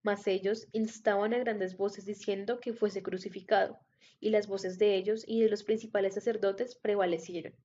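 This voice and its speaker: Woman scripture reader, warm, even delivery, muffled lo-fi recording. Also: medium pitch, a little hiss or hum. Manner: steady, measured reading. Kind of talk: Bible reading. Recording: dull lo-fi recording.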